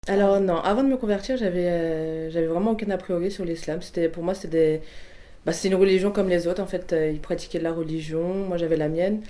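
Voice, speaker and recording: Answering prompts in a personal testimony, this twentysomething woman of Portuguese family background talks fast in a fairly low, dark voice. She hesitates often, filling gaps and starting her sentences over.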